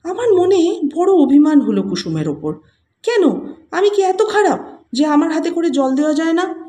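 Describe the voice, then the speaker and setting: A woman storyteller reading a classic story aloud in an expressive way. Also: very high voice, moderate pace. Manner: expressive, animated. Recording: roomy echo.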